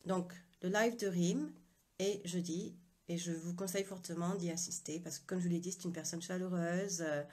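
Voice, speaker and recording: A woman's voice: fairly low pitch, steady tone, normal speed, darkish tone. A woman author chatting on a live video stream from her phone, hesitant and full of fillers, with an unusual accent she calls her own. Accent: unusual accent, self-described. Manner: hesitant, many fillers and restarts. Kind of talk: casual live video chat.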